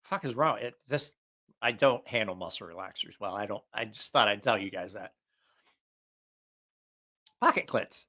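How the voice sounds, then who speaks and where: This man, a livestream host reviewing knives, talks at a fairly quick clip in a fairly low pitch with a sharp tone. His gear stream is casual and rambling, full of profanity and jokes, wandering off topic, and he sounds slightly out of breath from allergies.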